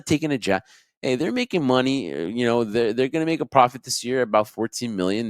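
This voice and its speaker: A man co-hosting a podcast, chatting casually about wrestling in a rambling, animated way. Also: mid-range voice, no echo, clean studio sound. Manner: animated, rambling, laughs often. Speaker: podcast co-host.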